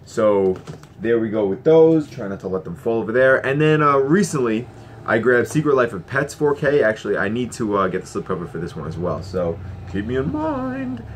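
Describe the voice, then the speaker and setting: A man talks through his latest disc pickups in a loose, excitable way, stumbling over restarts and fillers. His voice sits on the low side. Faint room ambience hums behind him. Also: fairly quick, a little hiss or hum. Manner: enthusiastic, rambling, lots of fillers and restarts. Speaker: Blu-ray collector vlogger. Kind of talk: casual collection haul vlog.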